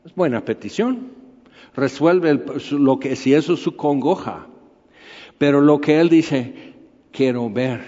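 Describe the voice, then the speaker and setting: Male preacher, fairly high voice, chatty and meandering, long hall echo on a dull lo-fi recording. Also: lively intonation, unhurried, mellow. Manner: conversational, rambling, with frequent filler words. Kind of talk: sermon.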